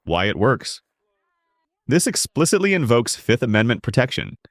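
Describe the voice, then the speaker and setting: A man giving scripted narration that explains legal rights in a measured, emphatic way. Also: mid-range voice, very animated, no room sound, studio quality.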